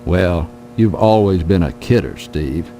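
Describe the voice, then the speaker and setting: Deep-voiced folksy small-town sheriff. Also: male voice, animated, a little slow, mellow, slight background noise. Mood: admonishing. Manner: folksy, drawling, admonishing. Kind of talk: video game character acting.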